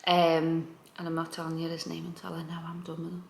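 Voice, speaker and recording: A woman's voice: deep voice, completely flat delivery, brisk, creaky, a little mellow. A woman chatting casually as a home vlogger, thinking aloud in an informal, self-deprecating way. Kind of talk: casual chatty room-tour vlog. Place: indoors in a living room. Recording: echoey room, background noise.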